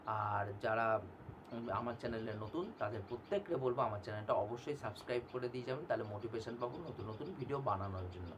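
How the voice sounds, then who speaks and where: A man speaking, giving a casual film trailer review on his channel and pausing often with fillers. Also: medium pitch, noisy background. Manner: conversational, hesitant with frequent fillers.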